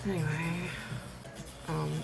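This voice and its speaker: A woman with a low voice and a heavy smoker's rasp, thick with creak. She talks slowly through an amateur tutorial in a casual, rambling, self-effacing way. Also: flat delivery, over music, poor audio. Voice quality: rough, raspy smoker's voice. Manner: rambling, self-deprecating, loses train of thought. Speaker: amateur nail tutorial host. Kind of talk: casual hands-on tutorial chat.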